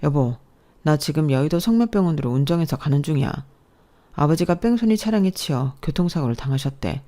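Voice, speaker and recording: Woman putting on a direct younger husband, blunt, low warm voice. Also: lively intonation, fairly quick. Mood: urgent.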